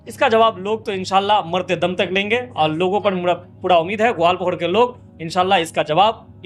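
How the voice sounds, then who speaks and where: A local politician from West Bengal, India, answers interview questions with impassioned, repetitive rhetorical lists. His voice is high-pitched and somewhat bright.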